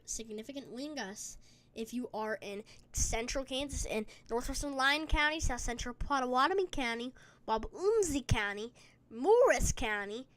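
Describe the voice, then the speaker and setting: Her voice fairly high and a little bright, a livestream weather host comments live on a storm, reading chat out loud and eating in between pressing warnings. Some slight background noise can be heard.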